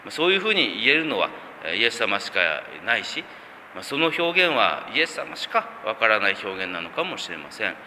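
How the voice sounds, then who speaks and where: Bright-voiced man preaching a calm sermon. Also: on the low side. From Kumamoto, Japan. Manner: calm, measured, many soft "well" fillers. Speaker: pastor. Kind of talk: sermon with scripture reading. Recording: reverberant hall, faint traffic noise.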